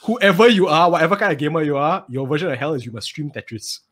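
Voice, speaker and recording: A Singaporean man with a husky voice that moves up and down a lot. He talks in colloquial Singlish, chatting and joking casually with a group. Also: on the high side, expressive, fast talker, a bit bright. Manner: colloquial Singlish with lah and ah particles.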